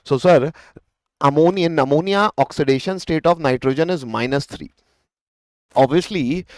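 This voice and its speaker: A man's voice: fairly high pitch, a little mellow, dry recording, rough recording. A man with an Indian accent giving a live exam-revision lecture as a teacher, explaining step by step, repeating phrases and answering his own questions. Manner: explanatory, poses questions and answers them himself. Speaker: chemistry teacher.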